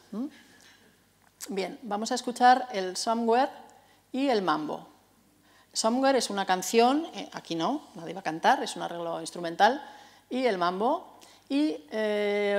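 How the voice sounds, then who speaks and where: A woman with a Spanish accent from Spain giving a public music talk, explaining things to the audience and checking in often with "eh?" and "no?". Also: medium pitch. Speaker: music lecturer. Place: cultural center hall.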